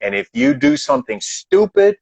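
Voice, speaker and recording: A man's voice: high voice, very animated, moderate pace, gravelly, a little mellow, slightly rough, no echo, low-quality recording. Emphatic man giving frank advice. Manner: emphatic, repeats key points. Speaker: guest leadership speaker. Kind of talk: earnest advice in a live online chat.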